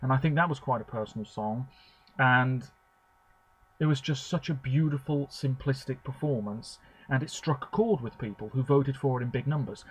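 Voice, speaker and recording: Talking to the camera from a room at home, a video blogger rambles through his views in a chatty, opinionated way, with lots of fillers and asides. His pitch sits in an ordinary middle range, his pace is moderate, and his voice has a breathy edge. The audio is poor.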